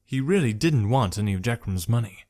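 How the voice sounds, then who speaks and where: A man reading a novel aloud in a measured, even storytelling manner. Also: medium pitch. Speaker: narrator. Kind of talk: scripted narration.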